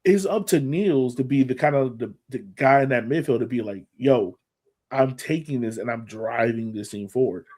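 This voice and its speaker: With a mid-range, darkish voice at a moderate pace, a man chats as a fan while co-hosting a laid-back sports podcast. His delivery is emphatic, and he tends to restate phrases to get his point across.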